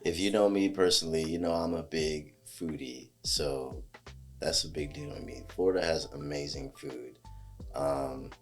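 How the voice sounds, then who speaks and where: Super deep voiced jersey guy hosting, friendly chill talk, lots of ums. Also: steady tone, moderate pace, soft background music. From New Jersey. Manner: friendly, fillers, talks it through. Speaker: podcast host. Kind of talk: casual chat.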